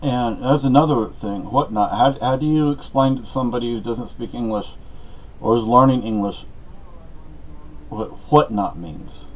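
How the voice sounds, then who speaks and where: Giving personal updates on his podcast, this middle-aged host talks at a normal speed in a medium-pitched, darkish voice. His monologue is casual, rambling and conversational, full of asides and personal anecdotes, and it's recorded in dull lo-fi audio.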